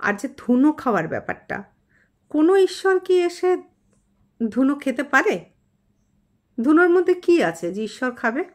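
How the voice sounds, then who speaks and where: A woman's voice: high voice, very animated, normal speed, long pauses. A woman astrologer hosting her own channel, earnestly admonishing someone she calls mother in a direct-address vlog.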